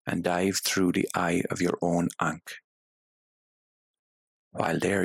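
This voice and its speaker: A man guides a meditation in a very low, husky voice with plenty of gravel in it. He speaks softly and hypnotically and leaves long pauses between phrases. The sound is close and completely dry. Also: no room sound, rough recording.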